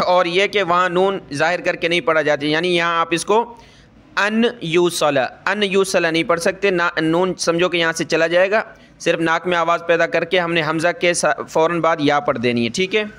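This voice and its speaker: A man teaching Quran recitation. He explains each rule slowly, checks in with "ठीक है" over and over, and chants the verses long and drawn out. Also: fairly high pitch, steady tone, fairly bright tone, smooth. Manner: says "ठीक है" often to check the listener. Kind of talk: Quran tajweed lesson.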